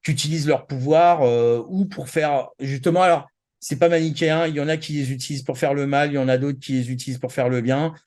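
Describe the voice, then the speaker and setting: This fast talker has a fairly high, steady, slightly mellow voice and rarely pauses. Co-hosting a pop culture program, he chats informally and slangily about anime and manga, rambling and often groping for the right word.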